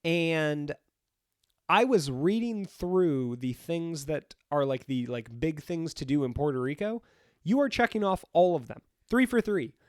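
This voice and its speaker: A man's voice: fairly high pitch, animated, a little slow, clear, resonant tone, dry recording, studio quality. A man co-hosting a casual podcast with joking banter, his voice nasal and stuffed up as if his nose were pinched by a cold. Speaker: podcast co-host. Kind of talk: casual unscripted podcast chat.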